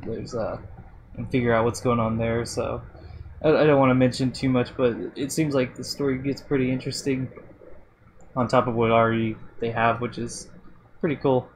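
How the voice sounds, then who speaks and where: A man co-hosting a laid-back podcast, recapping episodes with easy pauses and fillers. His voice sits at a middle pitch. Faint noise and a bit of room ambience linger behind him. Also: flat delivery, rough recording. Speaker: podcast co-host. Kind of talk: casual chat.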